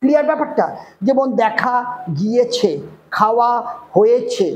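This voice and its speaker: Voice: mid-range voice, moderate pace, darkish tone. Teacher giving a step-by-step grammar lesson. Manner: explains step by step, keeps checking the class understands. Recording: echoey room with faint noise.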